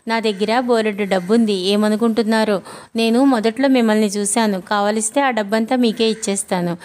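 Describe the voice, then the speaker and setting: A woman's voice: mid-range voice, steady tone, brisk, a little mellow, close to an everyday voice. A woman reading a storybook, voicing a ragged old male pirate left alone on an island, humble and wheedling. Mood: pleading. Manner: humble, wheedling, keeps adding polite endings.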